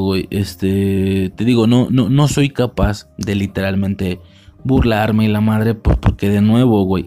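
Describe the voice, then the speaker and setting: A man's voice: on the low side, dark tone. A young man with a Mexican accent giving a casual, rambling spoken film commentary, full of slang and filler words. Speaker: podcast host reviewing a film.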